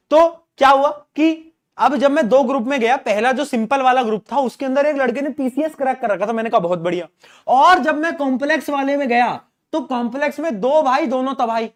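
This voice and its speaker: A man teaching an online science class in speech, asking students questions and using stories as memory aids, often clearing his throat. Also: very high-pitched. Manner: asks students questions, uses story mnemonics.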